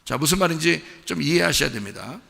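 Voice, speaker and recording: A man's voice: on the high side, animated, quick pace, vocal fry, bright, forceful tone, long reverb tail. A male pastor preaching a sermon in a conversational way, quizzing the congregation with repeated questions. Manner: acts out quoted voices to make a point. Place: church sanctuary.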